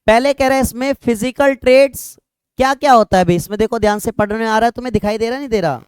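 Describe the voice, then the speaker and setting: Smooth-voiced young male teacher. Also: very high voice, fast, no echo. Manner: conversational, repeats "ठीक है" often, jokes with students. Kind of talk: classroom lecture. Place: classroom with students.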